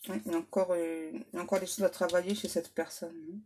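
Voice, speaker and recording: A woman medium giving a relaxed tarot reading to her viewers, reassuring them and tacking little asides onto her sentences. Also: lowish voice, a little hiss or hum. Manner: unhurried, reassuring, full of little "hein" and "ouais" asides; reads English card names aloud. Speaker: medium doing card readings.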